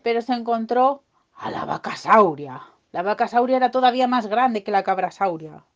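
A woman telling an improvised bedtime story in a playful, lively way. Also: a little high, moderate pace. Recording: dull lo-fi recording.

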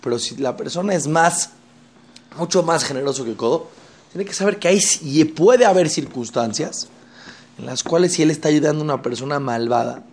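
A male teacher leads a religious class. He talks in an animated way, jumping into the voices of the people in his examples. His pitch sits in the middle range. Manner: animated, acts out quoted people. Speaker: Torah teacher. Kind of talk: religious lesson.

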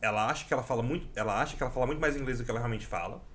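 Man, Brazilian accent, very fast, slangy, mimicking asides. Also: medium pitch, fairly bright tone. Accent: Brazilian Portuguese. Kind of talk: casual podcast chat.

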